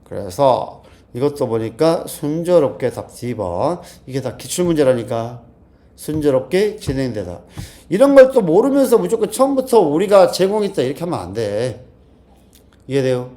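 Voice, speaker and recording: A man teaching an exam-prep English class, drilling the students and repeating key phrases with quick rhetorical questions. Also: fairly high pitch, very animated, warm tone. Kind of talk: lecture.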